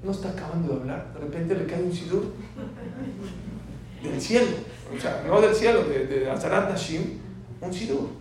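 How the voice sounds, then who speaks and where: A man teaching a sermon full of stories, swinging between soft asides and loud emphatic bursts. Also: fairly high pitch, lively intonation, normal speed. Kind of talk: sermon with storytelling. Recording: very echoey room from far off, faint hiss.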